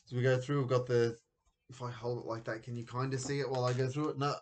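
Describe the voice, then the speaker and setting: A man's voice: medium pitch, fast talker. A man teaching a class who reads a children's book aloud chapter by chapter and then gives his students instructions. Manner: steady storytelling, then upbeat classroom instructions.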